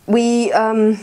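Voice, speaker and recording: A woman vlogging in casual chat, tired and hoarse, rambling excitedly, swearing freely and laughing often. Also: on the high side.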